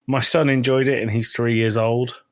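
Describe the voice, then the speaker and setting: A podcast co-host with a mid-range voice chats casually about films at a moderate pace, his tone level. His humor is irreverent and self-deprecating.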